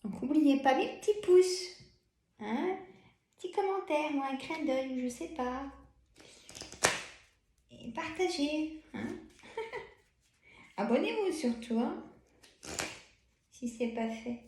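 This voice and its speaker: A tired woman with a Burgundy French accent, chatting as she reads tarot cards, full of fillers and soft laughs. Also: high-pitched, lively intonation, slow pace, long pauses, reverberant, a little hiss or hum. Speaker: tarot card reader. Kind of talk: casual card-reading video.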